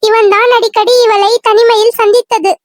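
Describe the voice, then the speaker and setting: A performer voicing a shrill village accuser in a cartoon serial, pointing out a culprit. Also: little pitch movement, moderate pace, dry recording, studio quality. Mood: accusing.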